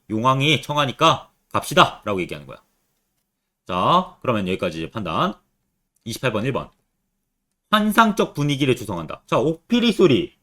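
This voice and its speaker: A man's voice: medium pitch, fairly bright tone. A man teaching Korean literature in an exam-prep lecture, constantly quizzing his students with rhetorical questions.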